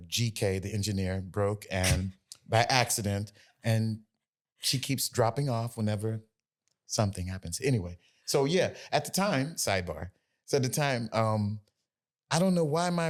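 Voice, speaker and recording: A man's voice: lowish voice, unhurried. An American man in his forties, a singer, telling his story in a casual interview with many fillers and restarts. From United States. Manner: loose, rambling, lots of fillers and restarts. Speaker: guest, singer.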